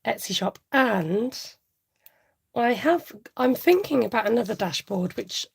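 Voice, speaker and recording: A woman's voice: a little high, animated, unhurried, vocal fry, breathy edge. A woman in her forties chatting casually on a budgeting livestream, giggly and reading out viewer comments.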